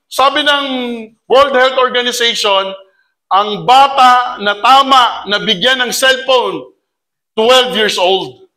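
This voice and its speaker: A man giving a lively seminar talk to an audience, mixing in English phrases and keeps asking his listeners rhetorical questions. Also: very high-pitched. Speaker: seminar speaker for a community orientation.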